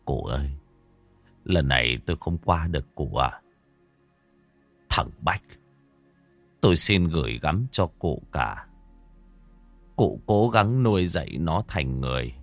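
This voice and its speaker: A man voicing a dying, beaten father who speaks weakly and haltingly, pleading. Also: fairly low pitch, very animated, fairly bright tone, no echo, soft background music, full character voice. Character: dying battered middle-aged father, gasping. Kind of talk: audiobook character voice.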